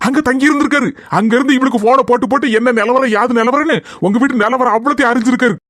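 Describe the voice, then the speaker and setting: A man's voice: very high voice, racing, fairly bright tone, dry recording. A man voicing a stern, lecturing police officer in a cartoon, with a Kanyakumari Tamil accent and a scolding, explanatory way of talking. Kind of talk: cartoon dialogue.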